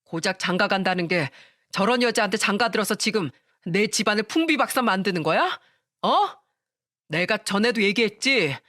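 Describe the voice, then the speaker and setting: A woman's voice: medium pitch, expressive, moderate pace, a bit bright, dry recording, studio quality, natural voice. A woman voicing a furious married man scolding his younger brother in a storytelling radio drama. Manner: angry, scolding.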